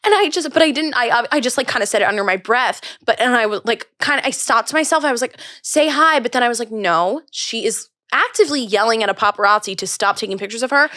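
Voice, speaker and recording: Excitable young woman, dry sound. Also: a little high, quick pace, hardly any pauses, no room sound. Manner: excitable, gasps and acts out quotes, many fillers. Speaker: guest. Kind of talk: casual chat.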